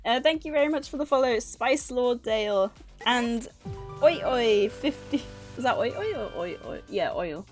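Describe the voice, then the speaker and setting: A woman who is a livestreamer and author chats casually with viewers while sitting indoors at her computer, faint music in the background. Her fairly high voice is animated and moderately paced, and she sounds flustered, nervous, giggly, and effusively grateful.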